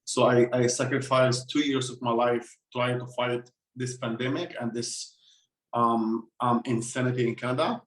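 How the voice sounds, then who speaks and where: An Israeli-born man who grew up speaking talks in a podcast interview. His pitch stays narrow and level while he presses his points, doubling back over words as he finds them. The sound carries a noticeable room echo. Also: fairly even intonation, normal speed. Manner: emphatic, repeats words while searching for them. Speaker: guest. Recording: roomy echo.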